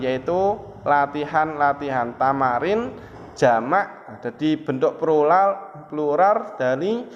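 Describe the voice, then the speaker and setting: A man's voice: fairly high pitch, vocal fry, a little hiss or hum. A man patiently teaching a beginners' Arabic lesson step by step, prompting a student to read along. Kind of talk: classroom explanation with a student. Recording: roomy, dull lo-fi with faint ambience.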